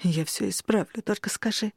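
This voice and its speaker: A woman doing a hushed young incubus man. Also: mid-range voice, moderate pace, no room sound, clean studio sound, natural voice. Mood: remorseful. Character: young male incubus, possessive and pleading.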